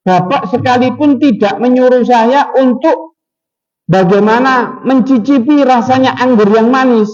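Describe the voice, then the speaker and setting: A man's voice: very high-pitched, measured pace, darkish tone, recorded from a distance, highs cut off, pitched above the performer's own voice. A man voicing a humble, honest vineyard worker who explains himself plainly to his boss. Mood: earnest.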